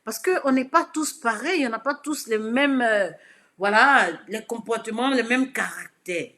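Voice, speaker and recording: A woman with an Ivorian accent giving advice straight to camera. She swings from shouting to soft, low pleading and repeats words for emphasis. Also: unhurried. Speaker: political social media commentator. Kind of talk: direct-to-camera message.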